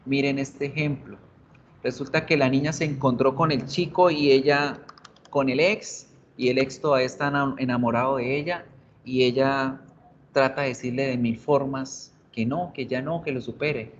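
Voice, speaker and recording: A male English teacher giving an online class, explaining grammar in Spanish and slowly repeating English examples. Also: medium pitch, steady tone. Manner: calls students "chicos", jokes in class. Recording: muffled video-class audio, faint hiss.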